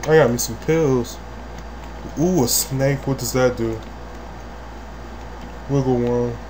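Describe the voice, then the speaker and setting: A man hosting a let's play, talking crudely and profanely as he plays, breaking into sudden loud outbursts. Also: medium pitch, slow pace, noisy background. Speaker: gaming channel host.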